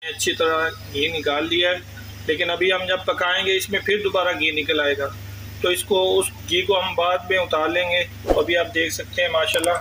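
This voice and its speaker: A man's voice: fairly high pitch, noisy background. A man hosts a cooking channel and explains a recipe step by step. He speaks to his viewers as friends. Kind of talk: cooking tutorial. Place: home kitchen.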